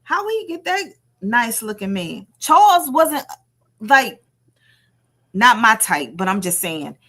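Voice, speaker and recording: This livestream host is a woman with a fairly high voice who speaks at a slow pace. She shares casual gossip commentary through animated, emphatic storytelling, acting out quotes and repeating phrases for effect.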